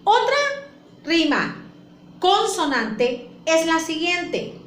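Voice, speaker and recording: A woman's voice: very high-pitched, very animated, drawn-out words, fairly bright tone, a little hiss or hum. A woman teacher explaining a lesson to her class patiently, repeating points and asking questions. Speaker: primary school teacher. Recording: echoey room with faint ambience.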